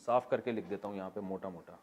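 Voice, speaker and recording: A man's voice: deep voice, darkish tone. A man teaching a class on religious texts, explaining word by word and asking questions that he answers himself. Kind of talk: classroom lecture on Quran vocabulary and grammar.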